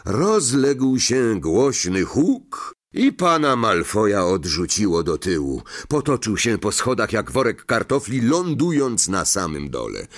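Slow, expressive male audiobook narrator. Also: fairly low pitch. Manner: slow, dramatic reading.

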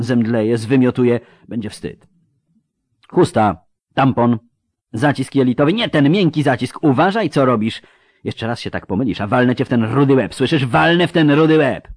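A man's voice: very deep voice, gravelly, mellow, no echo, studio quality. A man voicing a young female healer's panicked, breathless inner monologue.

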